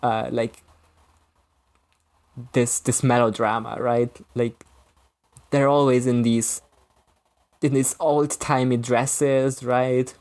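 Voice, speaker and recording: A man in casual podcast chat, thinking out loud about a film. He speaks at an ordinary, mid-range pitch and rambles, circling back with frequent fillers and restarts. His delivery stays loose and conversational. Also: fairly even intonation, slow pace, long pauses. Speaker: podcast co-host.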